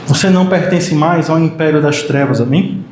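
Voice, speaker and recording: A man preaching a sermon in Brazilian Portuguese, animated and joking with his congregation, now and then acting out short quotes. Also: a little high, moderate pace. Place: church hall. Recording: very echoey church hall, faint noise.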